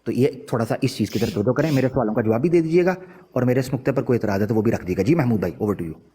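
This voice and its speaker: A man debating on a video call, calmly and patiently explaining word meanings and urging the other side to relax. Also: medium pitch, slightly rough. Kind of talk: online religious debate.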